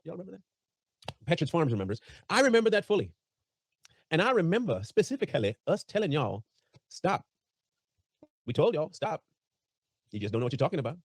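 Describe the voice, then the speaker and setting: A man's voice: on the high side, husky, no echo, clean studio sound. A man giving casual commentary in a playful, mocking, emphatic way. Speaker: online commentary host.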